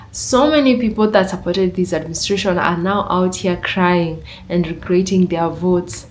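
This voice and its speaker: A woman's voice: on the low side, slight background noise. A woman giving reaction commentary in an earnest, indignant way, building her argument point by point.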